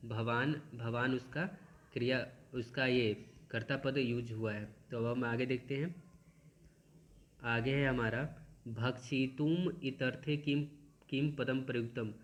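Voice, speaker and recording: A man teaching a school lesson, reading verses slowly and then explaining them with many restarts. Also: medium pitch, steady tone.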